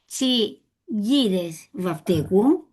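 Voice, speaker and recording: A woman student reading aloud in class, hesitant and pausing as she works through sentences. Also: medium pitch, expressive, darkish tone, breathy edge. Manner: hesitant, slow reading with pauses.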